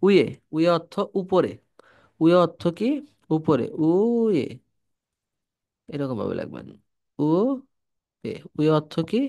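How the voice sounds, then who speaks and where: A man's voice: a little high, very animated, gravelly, a little mellow. A man from Bangladesh, teaching a language lesson, repeating words and quizzing the listener. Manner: drills syllables slowly for practice. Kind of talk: classroom-style lesson.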